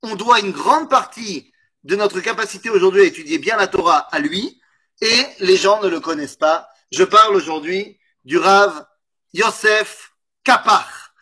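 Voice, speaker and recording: A man with a French accent giving an informal Torah class, animated, often correcting himself and asking and answering his own questions. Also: sits high, normal speed, breathy edge. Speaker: Torah teacher.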